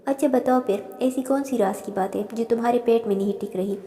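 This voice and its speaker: A woman's voice: a little high, a little fast, dark tone, natural voice. A woman voicing a teasing, protective young man, the older cousin in a storybook reading. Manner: dry, mocking. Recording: roomy reverb.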